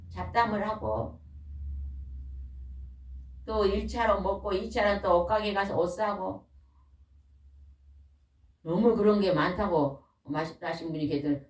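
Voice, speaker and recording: A middle-aged woman preaching a sermon in a small church, with a voice of ordinary pitch. She puts questions to the listeners and leans on key words. The recording catches her from a distance, in a roomy echo. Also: a little mellow. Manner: asks the congregation questions and waits for answers; slows and stresses key words. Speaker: pastor's wife preaching. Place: small church or worship room.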